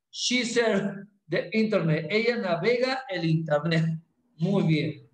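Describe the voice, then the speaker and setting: A male English teacher quizzes his students in a playful, animated way. His pitch moves a lot while his pace stays slow and deliberate. The room echoes around him. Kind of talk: classroom lesson.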